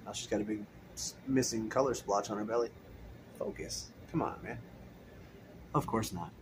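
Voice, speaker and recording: Holding his phone camera, a man gives a casual walkthrough of his fish room, where tanks stand in rows. He speaks on the low side at a moderate pace with fairly even intonation, and there's a little hiss or hum in the recording of this easygoing, meandering aquarium vlog.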